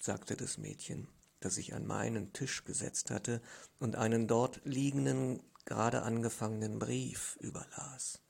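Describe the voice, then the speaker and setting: A man reading a literary story aloud in the first person, measured and expressive. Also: medium pitch, creaky. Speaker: audiobook narrator.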